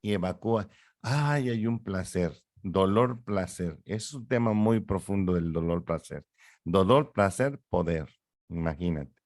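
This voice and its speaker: A middle-aged man, a psychologist explaining ideas in an interview in an animated, lecturing way with rhetorical questions. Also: low-pitched, measured pace, dry recording, studio quality. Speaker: psychologist guest.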